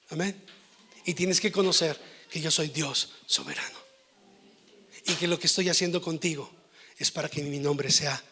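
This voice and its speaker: A middle-aged man preaching a sermon in a church hall, animated and shifting from playful to tearful. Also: high voice. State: voice breaking with emotion. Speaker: pastor.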